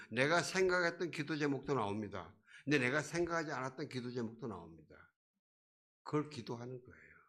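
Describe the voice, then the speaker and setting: A man pastor delivering a sermon in a church. He talks at an ordinary middle pitch and keeps changing his loudness, falling to hushed lines and then rising to loud ones. He often steps into quoted voices to act out a scene. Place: church sanctuary.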